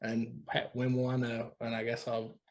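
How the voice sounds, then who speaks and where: A man's voice: medium pitch, monotone, moderate pace. A young man from West Virginia, a guest musician talking loosely in a casual podcast chat, often saying dude.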